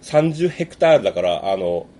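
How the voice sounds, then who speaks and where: A man speaking casually as a guest, with hesitant, halting phrasing. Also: low-pitched, big pitch swings, dark tone. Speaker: podcast guest, rice ambassador. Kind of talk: casual interview talk.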